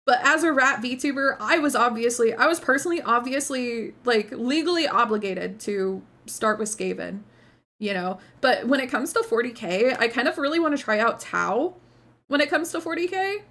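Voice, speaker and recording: A woman with a high, bright voice hosts a livestream like a cute anime streamer. Her delivery is bubbly and excitable, swinging widely in pitch as she gushes to her chat in casual, sweary talk. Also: moderate pace. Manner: gushing, excitable, swearing freely. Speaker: VTuber livestream host.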